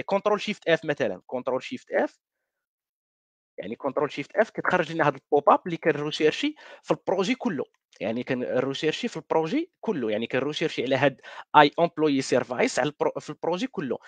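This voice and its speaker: A man's voice: a little high, no echo. A man with a Moroccan Darija accent walking viewers through a coding demo, often mixing in French words and restarting his sentences. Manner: mixes French words, many restarts and fillers. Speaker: workshop presenter. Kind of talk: live coding walkthrough.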